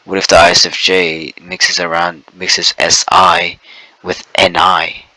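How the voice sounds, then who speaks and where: A man talking to camera in a rambling monologue, restarting phrases and stuttering as he rushes ahead. His voice is very bright and edgy, with a low pitch. The sound is dry and close. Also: completely flat delivery, dry recording, low-quality recording. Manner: fast, stumbling, stuttering restarts. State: sleep-deprived. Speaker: video blogger. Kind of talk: casual spoken monologue.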